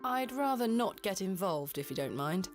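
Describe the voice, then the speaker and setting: A woman's voice: mid-range voice, big pitch swings, moderate pace, lightly acted. An actress playing a polite, inquisitive Victorian lady in a game, asking formal questions. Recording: game audio over music.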